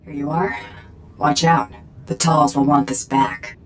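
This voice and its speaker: A man's voice: fairly high pitch, steady tone, measured pace, lightly acted. A male actor playing a tough, cocky bounty hunter in a video game, terse and blunt. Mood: cool, cocky.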